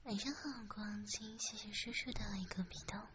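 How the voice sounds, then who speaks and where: A woman's voice: mid-range voice, fairly even intonation, moderate pace, dull audio, heavy background noise. A young woman hosting a late-night live stream, whispering close to the mic, teasing and chatting with listeners. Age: young adult. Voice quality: soft whispering. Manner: teasing, playful, reads comments. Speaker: radio streamer host.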